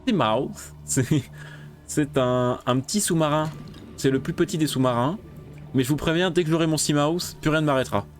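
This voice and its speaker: A man's voice: fairly high pitch, fairly quick, faint music behind. A man giving casual let's-play commentary, talking to the game's creatures and yelping when he gets startled. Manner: jumpy, talks to game creatures, yelps when startled. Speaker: gameplay streamer.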